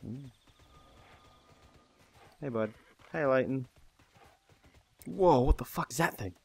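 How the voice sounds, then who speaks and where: A man's voice: medium pitch, animated, slow, gravelly, husky. A man hosting casual gaming commentary, swearing freely, laughing often and reading game text aloud. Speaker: gamer host.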